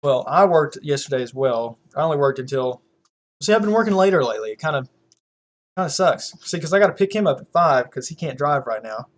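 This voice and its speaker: This casual podcast chat comes from a young Southern American man whose voice is fairly high, expressive and fairly quick. His talk rambles along, packed with filler words and frequent laughter.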